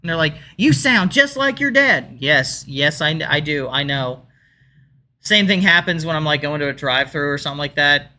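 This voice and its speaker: Rambling through stories with many fillers, this man co-hosts a casual podcast chat. He has a deep voice like his father's, expressive and sharp in tone, moving at a moderate pace.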